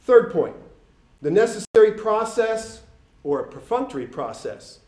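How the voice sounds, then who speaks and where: A man with a Boston accent giving a formal, prepared statement at a public forum, reading out numbered points deliberately. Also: high voice, very animated, a little mellow. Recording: echoey room.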